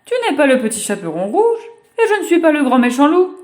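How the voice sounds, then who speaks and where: A woman voicing a gentle, kindly male crocodile in a storybook reading, speaking in a soothing, reassuring way. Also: high voice, wildly swooping pitch, fast talker, pitched above the performer's own voice.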